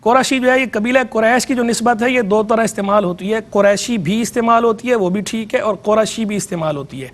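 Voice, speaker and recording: High-voiced Pakistani scholar explaining slowly. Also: male voice. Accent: Pakistani Urdu. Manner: measured, explanatory, repeats key terms to stress them. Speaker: religious scholar presenting a TV program. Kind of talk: educational religious lecture.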